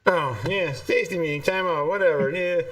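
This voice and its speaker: A man chats on a live podcast, rambling and breaking into laughter between thoughts. His voice sits a touch high and sounds set back from the mic, and the whole signal carries an echoey, roomy ring from the call line. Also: a little fast, fairly bright tone. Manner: rambling, laughs often, trails off with "um". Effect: echoey, roomy sound over an online call. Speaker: podcast co-host. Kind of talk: casual live podcast chat. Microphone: desktop USB microphone through a mixer. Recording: distant echoey call audio.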